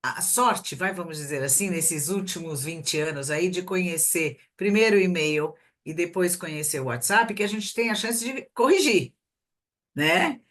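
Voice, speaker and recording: Reflective middle-aged woman explaining calmly. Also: lowish voice, a little slow. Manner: reflective, explains with everyday examples. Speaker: guest expert on workplace communication. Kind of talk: conversational interview.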